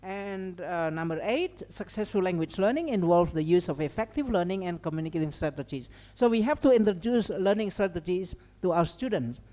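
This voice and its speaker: Brisk and barely pausing, a woman with a fairly low, mellow voice and lively intonation lectures with an Indonesian accent. A seminar speaker and language educator, she keeps the academic talk conversational with informal asides and quick "okay" and "right" tags. The room gives a long hall reverb.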